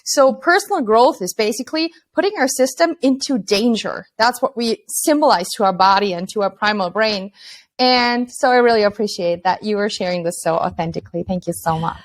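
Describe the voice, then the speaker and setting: A woman's voice: medium pitch, a little fast. A woman hosting a podcast interview, thanking her guest and reflecting thoughtfully. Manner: warm, appreciative, reflective. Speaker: podcast host.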